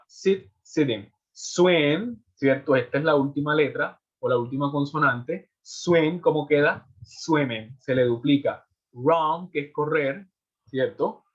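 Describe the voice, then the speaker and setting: A man's voice: a little high, a bit bright, slightly rough. A man teaching an English class in Spanish, explaining rules step by step and checking in with his students after each point. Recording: muffled lo-fi audio.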